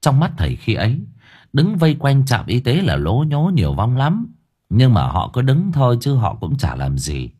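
A man narrating a ghost story in an expressive, lively storytelling manner. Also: medium pitch, moderate pace, slightly rough. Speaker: audiobook narrator.

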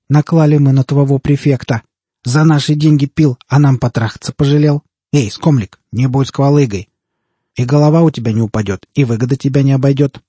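A man voicing a crude, loud male bounty hunter who swaggers in rough country dialect. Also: medium pitch, dry recording, pitched above the performer's own voice, close to an everyday voice.

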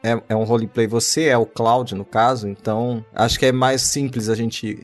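A man's voice: medium pitch, fairly even intonation, normal speed. A man with a Brazilian Portuguese accent making casual conversation about video games as a podcast co-host. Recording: music playing behind the voice. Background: background music.

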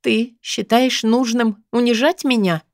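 A woman's voice: animated, moderate pace, dry recording, clean studio sound. Frightened defiant young student girl, read by a woman. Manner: pleading and protesting, high and tense.

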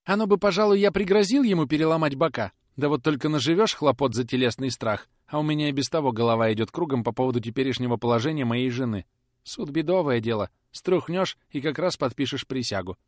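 A man's voice: medium pitch, fast, dry recording, studio quality, pitched above the performer's own voice, close to an everyday voice. A man voicing a fawning middle-aged office messenger who rambles and complains in an obsequious way.

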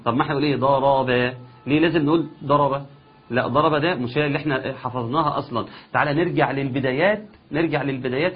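A man with an Egyptian accent teaching Quran recitation, explaining each rule step by step and slowly chanting example verses. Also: mid-range voice, slightly rough. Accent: Egyptian Arabic. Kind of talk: recitation lesson. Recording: dull lo-fi sound.

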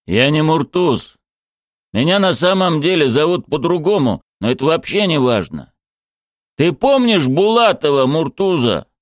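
A man voicing a grieving male coach who shouts threats through tears in an audiobook. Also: on the high side, sing-song, a little slow, no room sound, studio quality, pitched above the performer's own voice. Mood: cold.

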